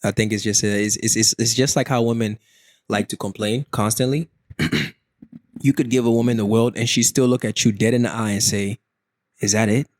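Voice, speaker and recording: A man talking on a podcast in a loose, casual chat. He is an animated storyteller who laughs often. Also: lowish voice, a little fast, dry recording, studio quality. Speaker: podcast guest.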